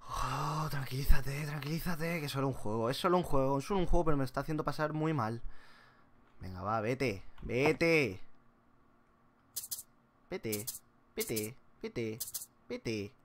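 Speaking at a medium pitch with lively intonation, this Spain-accented gameplay YouTuber talks a little slowly with long pauses over slight background noise. He's playing a horror game, scared and jumpy, muttering and letting out sudden yelps.

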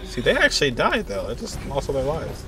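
Over game music, a man in his twenties offers casual, slangy reaction commentary on a video game in a relaxed way. His medium-pitched voice swings hugely in pitch and runs fairly quick.

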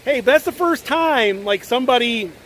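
A man's voice: very high voice, lively intonation, moderate pace, noisy background. A man with a Northern US accent, chatting casually on a travel vlog, checking in with "right?" as he talks. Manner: chatty, keeps asking "right?". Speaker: vlogger. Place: out and about on a rainy tourist street.

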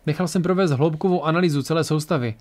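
Brief: man doing a concerned, hesitant pilot, a touch higher, amateur audiobook. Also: a little mellow, close to an everyday voice. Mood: worried.

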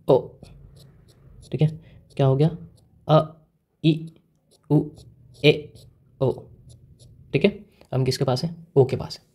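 A man's voice: medium pitch, mellow, slightly rough. A man with an Indian accent teaching Japanese writing step by step, often asking the viewer questions and mixing English into his Hindi. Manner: mixes English words into Hindi. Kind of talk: whiteboard lesson in Hindi mixed with English.

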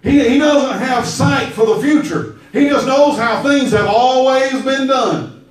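A pastor preaching an emphatic, storytelling sermon and calling on his listeners. His voice is high for a man. It rings out across a very echoey church sanctuary, picked up by a mic some way off. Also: unhurried. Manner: emphatic, call-and-response, storytelling. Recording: very echoey hall, mic far off.

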